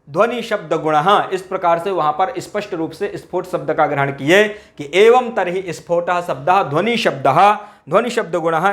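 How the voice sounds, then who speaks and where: A man with a fairly high voice gives a grammar lecture aimed at exam students. He says each key phrase again and again. He keeps checking understanding with rhetorical questions. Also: a bit bright. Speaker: Sanskrit grammar teacher.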